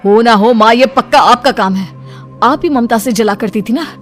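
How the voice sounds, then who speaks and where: A woman playing a protective young husband in a cartoon, high-voiced and urgent. He accuses sharply over faint music. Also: normal speed, close to an everyday voice. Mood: angry.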